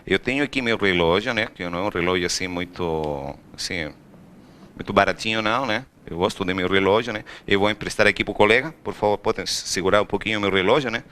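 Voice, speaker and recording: A man's voice: low voice, fast, slight background noise. A man teaching Spanish in a classroom, often asking the students questions. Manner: lively, rhetorical questions to students. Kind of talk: recorded classroom lecture.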